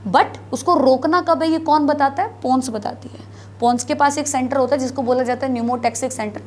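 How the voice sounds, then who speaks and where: A woman's voice: high voice, a little mellow, slight background noise. A woman teaching biology in a classroom lecture, mixing Hindi with English terms, asking and answering her own questions. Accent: North Indian Hindi.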